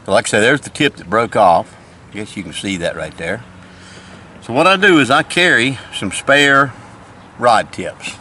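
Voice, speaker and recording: A man's voice: medium pitch, animated, unhurried, pushed and bright, a little hiss or hum. An older retired man, chatting casually in a folksy, plain-spoken way as he fishes and demonstrates things outdoors by a lake. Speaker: fishing vlogger.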